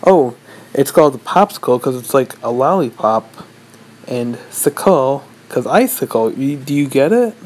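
A man's voice: mid-range voice, moderate pace, poor audio. Man rambling in mock-serious tones. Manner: rambling, deadpan, pretends to lecture. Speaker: vlogger. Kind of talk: mock-serious comedic monologue.

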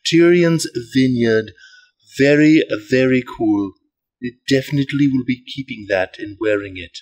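A man putting on a polite, earnest golf commentator, giving measured, deliberate mock sports commentary. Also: mid-range voice, darkish tone, close to an everyday voice, rough recording. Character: mock golf announcer, male, polite, earnest, calling an unboxing.

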